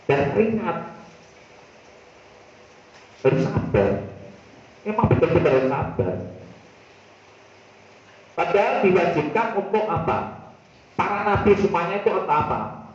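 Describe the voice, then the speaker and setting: A male preacher giving a casual study sermon, speaking directly to his listeners and repeating key phrases for emphasis. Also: on the high side. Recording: very echoey hall, dull muffled sound.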